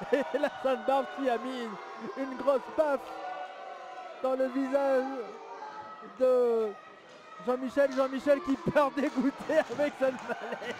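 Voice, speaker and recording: A man doing live wrestling play-by-play commentary, excitable and full of exclamations, drawing out his calls of the big moves. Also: very high voice, slow. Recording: live event with crowd noise. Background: crowd.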